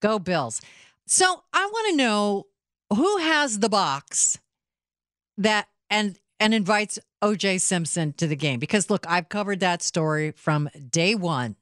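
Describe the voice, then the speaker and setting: A woman's voice: medium pitch, animated, takes it slowly, fairly bright tone, no echo. A woman hosting live talk radio, chatty and opinionated, speaking into a studio microphone. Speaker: radio talk host, filling in.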